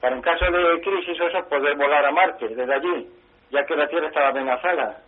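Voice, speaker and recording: A nervous man calling in to a radio show over the phone, asking halting, apologetic questions. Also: fairly high pitch, faint music behind. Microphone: telephone. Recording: tinny phone line.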